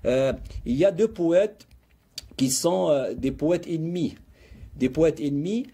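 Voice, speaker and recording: A man's voice: on the high side, a little slow, husky. A man, a guest author, talking in an interview, telling stories and reciting verse with animation. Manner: animated storyteller, quotes Arabic verse. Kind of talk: explanatory interview talk.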